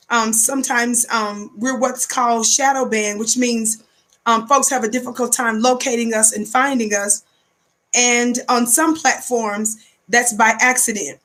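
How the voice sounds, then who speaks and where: An American woman speaks in a somewhat high-pitched voice as the host of an online talk show. She addresses her viewers directly in a monologue. Her delivery is emphatic and preacherly, with phrases repeated as call-outs. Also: a bit bright.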